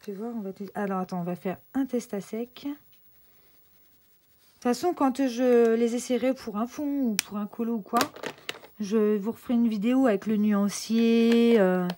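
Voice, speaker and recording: A young woman chatting casually through an art-supply unboxing, excited and full of fillers and restarts. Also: on the high side, measured pace, a little hiss or hum. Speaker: craft vlogger.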